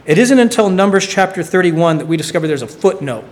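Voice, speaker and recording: A man preaching a sermon, retelling a Bible story with quick, playful voiced asides for its characters. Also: high-pitched, lively intonation.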